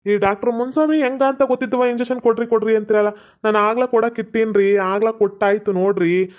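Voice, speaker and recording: A man's voice: sits high, fairly even intonation, quick pace, close to an everyday voice. A man voicing a boastful, reassuring village doctor in a cartoon. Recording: dull lo-fi sound.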